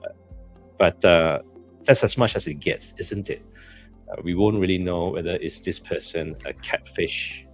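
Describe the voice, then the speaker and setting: A man's voice: deep voice, measured pace, soft background music. A man with a Malaysian accent co-hosting a casual live chat, talking in a hesitant, rambling way. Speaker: co-host of a live stream.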